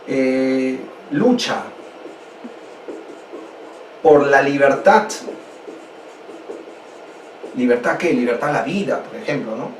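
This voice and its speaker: A man from Peru teaching a history lesson online, asking his students rhetorical questions in an animated way. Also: medium pitch, takes it slowly, pauses often. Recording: echoey room, distant mic, faint noise.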